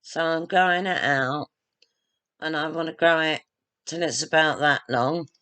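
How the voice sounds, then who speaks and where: Talking a little slowly in a low, clean, slightly bright voice, a vlogger chats casually to her viewers at home. She rambles and mocks herself gently as she moves about with her phone camera, not a proper webcam, picking up the sound.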